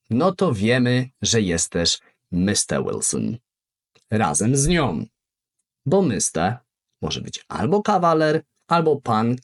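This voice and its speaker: Slow, animated male language teacher. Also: medium pitch. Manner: repeats each word slowly for practice, very lively intonation. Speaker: English teacher. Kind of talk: beginner language lesson.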